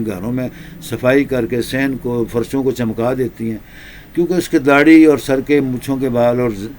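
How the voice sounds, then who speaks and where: A male preacher tells a religious story slowly, repeating himself and lingering in pauses. His voice has a medium pitch. Faint noise runs underneath. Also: darkish tone. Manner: slow, repetitive telling with drawn-out pauses. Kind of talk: storytelling sermon.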